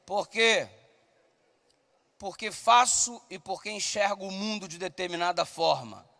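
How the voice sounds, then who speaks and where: Loud male preacher with a very high voice, telling comic stories in a reverberant church hall. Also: unhurried, creaky. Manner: loud, shouting at times, acting out voices in his stories. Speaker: pastor. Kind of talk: sermon with comic storytelling.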